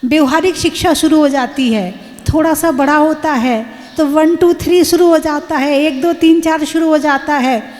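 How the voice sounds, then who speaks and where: A woman's voice: high-pitched, moderate pace, darkish tone, long reverb tail. A woman, a Jain nun, giving an emphatic sermon and putting rhetorical questions to her audience.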